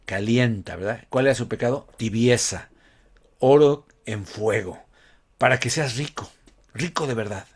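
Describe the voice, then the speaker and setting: A man's voice: on the low side, darkish tone. A man delivering a conversational sermon, often calling his listeners "brother" and asking them rhetorical questions. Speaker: preacher.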